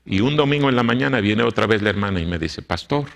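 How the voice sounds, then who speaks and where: A male pastor with a Mexican Spanish accent, preaching a story-driven sermon in a church and acting out the dialogue, moving between loud and hushed. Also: fairly low pitch, lively intonation, fast, vocal fry. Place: church sanctuary.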